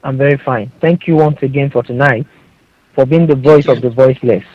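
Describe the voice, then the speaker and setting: A man's voice: medium pitch, fairly quick. A man from Nigeria calling in to a radio talk show, speaking formally and earnestly over a buzzy, glitchy phone line that breaks up. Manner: formal, earnest, praising the hosts. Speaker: caller. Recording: tinny phone call, dry and dull.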